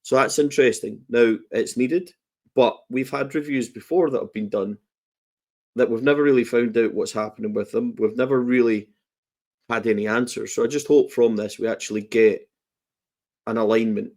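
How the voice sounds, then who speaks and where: A man's voice: mid-range voice, fairly even intonation, normal speed, darkish tone. A Scottish man co-hosting a football podcast, rambling and self-deprecating while coughing through a lingering cold. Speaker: podcast co-host. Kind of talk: casual football chat.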